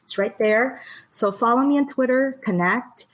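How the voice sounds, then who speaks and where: A woman's voice: fairly high pitch, moderate pace, low-quality recording. A woman, an education director speaking earnestly as a guest over a video call and laughing easily. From Philippines. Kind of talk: casual interview over a live stream.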